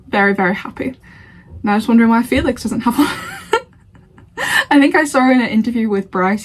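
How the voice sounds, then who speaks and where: Speaking at medium pitch with a breathy edge, this young woman from Lancashire, England, has a Lancashire accent. She does casual reaction chat to camera, laughing often in a playfully indignant way.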